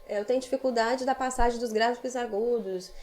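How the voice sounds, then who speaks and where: Brazilian lady, singing teacher, slightly high voice, patient explainer on a chatty podcast. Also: steady tone, brisk, darkish tone. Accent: Brazilian Portuguese. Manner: patient, explanatory, demonstrates vocal sounds. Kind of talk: casual podcast conversation.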